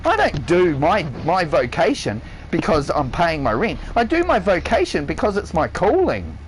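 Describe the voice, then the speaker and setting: A man with a high voice that leaps up and down his range as he vents on a live game stream. He is blunt, swears constantly, and hammers each point home. A faint hiss sits under his voice. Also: huge pitch swings, moderate pace, poor audio. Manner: blunt, heavily profane, emphatic rant. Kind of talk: ranting livestream monologue. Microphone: console headset or stream mic.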